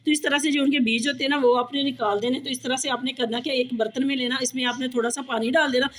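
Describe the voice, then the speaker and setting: Speaking fast in a high voice with fairly even intonation, a woman with a Pakistani Urdu accent demonstrates a kitchen task for her home cooking and tips vlog. She has a sore throat and a cough, repeats herself chattily, and keeps addressing viewers as ji.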